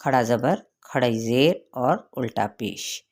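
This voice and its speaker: Pakistani lady with a deep voice going through tajweed rules letter by letter, slow and patient. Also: a little mellow. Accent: Pakistani Urdu. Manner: explains each letter slowly, then recites verses in a higher voice. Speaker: Quran recitation teacher. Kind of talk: tajweed lesson with recitation.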